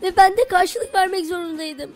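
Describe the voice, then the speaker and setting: A woman's voice: extremely high pitch, normal speed, voice pushed up. A woman voicing a young wife in a Minecraft role-play, apologetic and pleading as she justifies herself.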